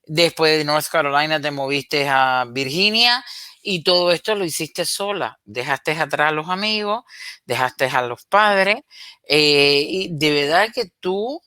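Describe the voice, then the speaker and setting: Interview host, bright crisp tone, dry close sound, long admiring sentences. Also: mid-range voice, expressive, measured pace, no room sound. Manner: warm praising recap, running long sentences. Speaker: interview host and friend of the guest. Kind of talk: conversational interview.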